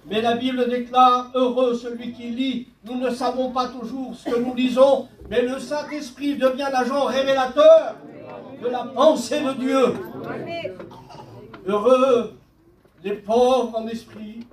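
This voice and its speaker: A man preaching a sermon as pastor, speaking slowly and deliberately and quoting scripture. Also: very high voice, fairly even intonation. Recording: echoey church hall, mic at a distance.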